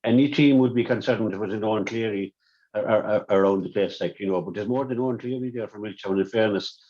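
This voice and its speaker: Previewing sports on the radio, a male analyst stumbles through his points with many repeated words and restarts. His voice is on the low side with a darkish tone, heard through dull, lo-fi radio audio.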